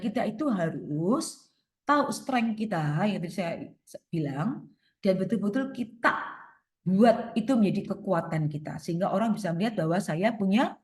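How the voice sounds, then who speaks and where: A woman's voice: medium pitch, darkish tone. A woman answering audience questions in a workshop talk, explaining her points with everyday examples and rhetorical questions. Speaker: workshop speaker. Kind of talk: webinar Q&A advice talk. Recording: echoey room sound.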